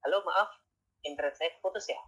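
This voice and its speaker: A man's voice: a little high, brisk, fairly bright tone, a little hiss or hum. A man giving a casual online sales lecture over a video call, chatty and constantly adding tag questions. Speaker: sales trainer. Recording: tinny video-call audio.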